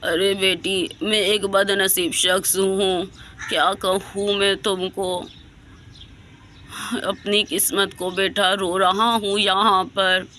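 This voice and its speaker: A woman's voice: medium pitch, flat delivery, slow pace, bright, forceful tone, slight background noise. A woman voicing a heartbroken old man who was thrown out by his sons, lamenting his fate and weeping. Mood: sorrowful. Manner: sobbing, lamenting.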